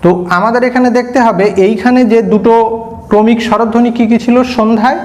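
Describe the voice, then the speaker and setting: High-voiced man teaching a lesson. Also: steady tone, brisk, a little mellow. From India. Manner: patient, repeats and sounds out examples. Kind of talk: explaining exam questions.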